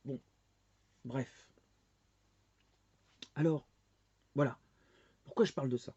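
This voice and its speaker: A man's voice: medium pitch, slow, mellow, breathy edge, no echo. A man in his forties ranting angrily to camera, hammering his audience with rhetorical questions. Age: 40s. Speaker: vlogger. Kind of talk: angry monologue rant. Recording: dull lo-fi dry recording.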